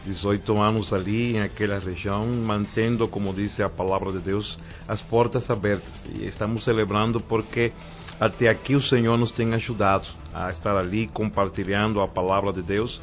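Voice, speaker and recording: Middle-aged man, Cuban accent, pastor, low voice, calm and measured. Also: soft background music. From Cuba. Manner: calm, measured, repeats affirmations. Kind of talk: radio interview guest.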